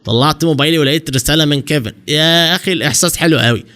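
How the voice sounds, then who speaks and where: Man, Egyptian accent, anime recap narration, very fast, slightly high voice. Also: bright, forceful tone. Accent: Egyptian Arabic. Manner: rapid storytelling.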